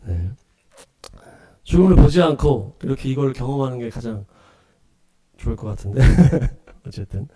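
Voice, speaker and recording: A man preaching as pastor of a small church, animated and laughing often as he acts out scenes. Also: mid-range voice, normal speed, pauses often. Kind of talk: sermon.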